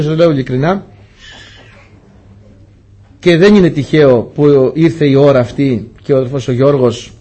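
With a warm, medium-pitched voice carrying a breathy edge, a man preaches a testimony sermon, earnestly recounting his story and repeatedly addressing the congregation as dear brothers.

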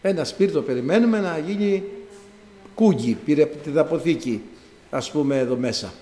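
A man's voice: on the high side, reverberant, slight background noise. A middle-aged man preaching a sermon in a church, telling stories with acted-out quotes. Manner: storytelling with acted-out quotes, lively.

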